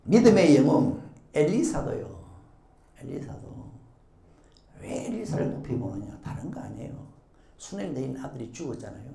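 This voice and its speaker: A woman pastor preaching a sermon, telling the story in an animated way and acting out the voices of the people in it. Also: very deep voice, moderate pace, vocal fry, pauses often. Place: church sanctuary. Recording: echoey church hall.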